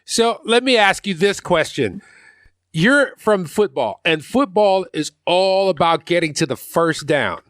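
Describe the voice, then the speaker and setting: A man's voice: high-pitched, lively intonation, measured pace, fairly bright tone, no room sound, clean studio sound. A man conducting a casual, conversational interview as the interviewer.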